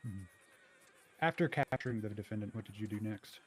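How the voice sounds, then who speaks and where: A man's voice: lowish voice, fairly quick, husky. A man playing a methodical trial lawyer who puts formal, probing questions in a courtroom role-play.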